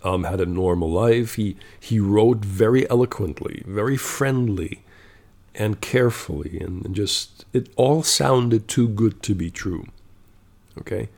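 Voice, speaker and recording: A man's voice: fairly low pitch, unhurried, vocal fry, darkish tone. Blunt, profane man ranting casually. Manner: blunt, profane, exasperated ranting with frequent "okay?" tags. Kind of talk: casual storytelling monologue.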